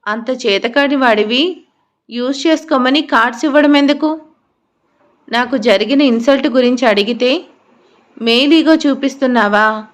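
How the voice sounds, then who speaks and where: Woman reading a defiant young wife, sharp and scornful, a little high. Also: moderate pace, long pauses, lightly acted.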